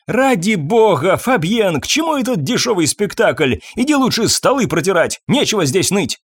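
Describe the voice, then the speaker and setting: Мужчина-чтец изображает озлобленную, язвительную женщину средних лет, официантку, которая кричит и пилит мужа. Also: male voice, very animated, a little slow, dry recording, full character voice. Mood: furious. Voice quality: high, sharp and shouting. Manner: scornful, nagging outbursts. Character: shrill, bitter, scolding middle-aged woman waitress.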